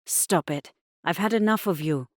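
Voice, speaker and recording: A woman's voice: on the low side, normal speed, no room sound, studio quality, lightly acted. A woman with an Australian accent voicing a harried, worried mother who speaks in firm, clipped tones. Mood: stern.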